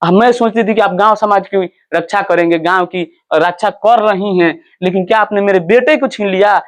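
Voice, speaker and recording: A man's voice: sits high, normal speed, close to an everyday voice. A man voicing a grieving village mother, wailing and pleading as she cries out for her son in a storybook lesson. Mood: bitter grief.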